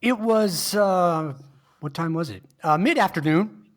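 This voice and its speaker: A man's voice: high-pitched, unhurried. A man co-hosting a podcast in casual chat, giving brief, sheepish replies. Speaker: podcast co-host.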